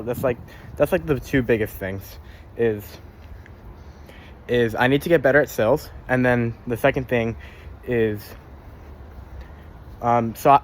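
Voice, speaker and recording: A man's voice: medium pitch, a little hiss or hum. A young man keeping a casual spoken journal, rambling, swearing freely and often repeating himself or tripping over his words.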